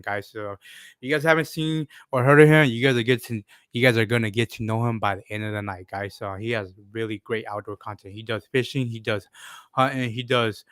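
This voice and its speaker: A man from Alaska hosting a casual livestream, talking haltingly with many fillers and restarts. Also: on the low side, fairly bright tone, clear, resonant tone, dry recording, clean studio sound. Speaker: livestream host.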